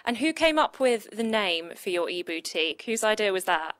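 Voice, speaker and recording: A woman interviewer putting brisk, prepared questions to her guests. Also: mid-range voice, big pitch swings, a bit bright.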